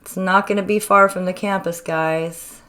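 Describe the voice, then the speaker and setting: A woman hosting a spirit box session in a casual, halting and deliberate way, explaining things and putting questions to spirits. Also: fairly low pitch, fairly even intonation, pushed and bright. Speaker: spirit box session host, self-described medium. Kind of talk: casual narrated demonstration and addressing spirits.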